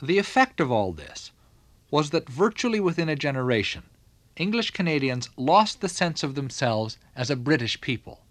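A man narrating a documentary from a script in a measured, formal way. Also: on the high side, sing-song, dry recording.

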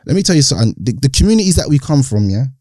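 Fast-talking London roadman, insistent man. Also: mid-range voice, sing-song, dark tone, no echo, clean studio sound. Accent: London roadman, Multicultural London English. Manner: emphatic, repeats phrases for insistence. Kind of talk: animated conversational debate in street slang.

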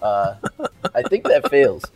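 A man's voice: lowish voice, very animated, slow pace, a little mellow, no room sound, faint music behind. A man playing a tabletop game, talking casually through his character's moves.

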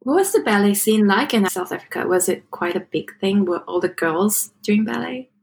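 Podcast host, female, friendly and candid, with a gravelly edge of vocal fry. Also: mid-range voice, expressive, moderate pace, darkish tone, a little hiss or hum. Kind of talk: podcast interview hosting.

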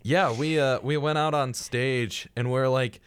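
A young man co-hosting a podcast, telling stories in casual chat, getting animated and higher when excited. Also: a little slow, smooth, no echo. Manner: animated storytelling, rises in pitch when excited. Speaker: podcast co-host.

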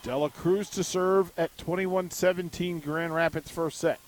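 A man's voice: fairly high pitch, steady tone. Man calling live volleyball on radio. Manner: brisk, measured calling of each rally. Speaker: radio play-by-play announcer. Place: arena broadcast position high above the court.

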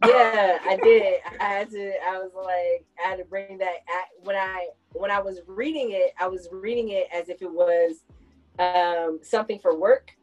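The recording is muffled, but the host comes through in a mid-range, slightly mellow voice at normal speed. She's a woman in her thirties chatting casually on her podcast, reflecting and explaining at length.

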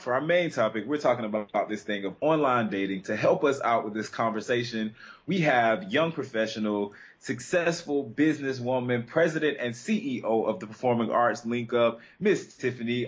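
A man's voice: mid-range voice, moderate pace, dull audio. An American man hosting a talk show in a casual, conversational way. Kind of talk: casual chat.

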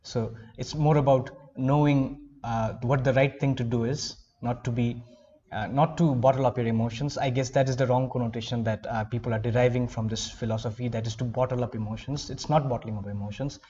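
A man's voice: medium pitch, steady tone, brisk, mellow, dull audio, a little hiss or hum. A male interviewer asking questions in a supportive, affirming way. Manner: supportive, frequent short affirmations. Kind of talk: casual interview.

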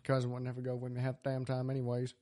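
A man's voice: medium pitch, monotone, rapid-fire, dark tone. Laid-back young man, short answers. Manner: laid-back, terse, swears casually. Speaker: guest. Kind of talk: casual chat.

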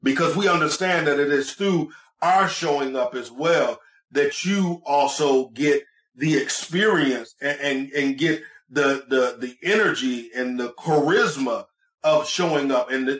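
A man's voice: mid-range voice, measured pace, a bit bright. A man giving a motivational speech as a coach, exhorting listeners directly like a preacher, with emphatic repeated phrases. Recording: echoey, roomy sound.

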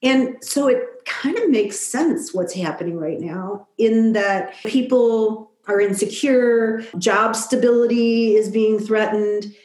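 A middle-aged woman giving a thoughtful, reflective interview answer, talking at an even pace with frequent "you know.". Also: fairly high pitch, slow pace, few pauses, roomy sound. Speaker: guest. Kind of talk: conversational interview.

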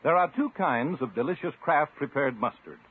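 Tinny, muffled 1950s radio. A male commercial announcer with a very husky, fairly high voice reads scripted ad copy in a bouncing, animated melody. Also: moderate pace. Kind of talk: 1950s radio advertisement read.

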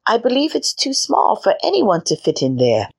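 A woman's voice: medium pitch, huge pitch swings, normal speed, creaky, breathy edge, pitched above the performer's own voice, full character voice. A woman voicing a clever, brave little girl who speaks timidly and politely. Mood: wary.

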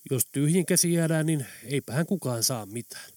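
Man reading a quiet, hesitant shopkeeper. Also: on the high side, no echo, clean studio sound, close to an everyday voice. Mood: doubtful.

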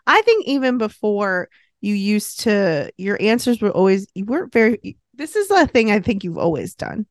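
A woman co-hosting a podcast in casual chat, coaxing and teasing her friend with lively energy. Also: mid-range voice, normal speed, no room sound, studio quality. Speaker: podcast co-host.

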